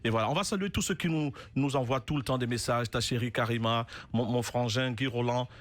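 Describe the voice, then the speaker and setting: A man hosts a relaxed morning radio show from a studio, his pitch sitting in the middle range. He talks casually, stumbles through fillers and repeated words, and breaks into laughter easily. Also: a little fast, no echo. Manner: hesitant, many fillers and restarts, laughs easily.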